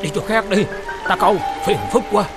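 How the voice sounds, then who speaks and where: A man's voice: sits high, steady tone, brisk, loud music behind the voice. An actor playing a grumpy old man who is centuries old, with a curt, dismissive manner. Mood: gruff annoyed. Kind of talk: TV fairy-tale drama acting.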